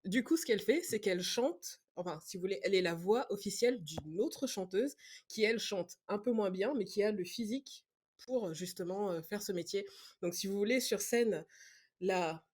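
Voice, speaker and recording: Over an online call setup, a woman co-hosts a podcast, chatting casually among friends and laughing often as she presents her film pick. Her mid-range voice is darkish and slightly rough, at a moderate pace.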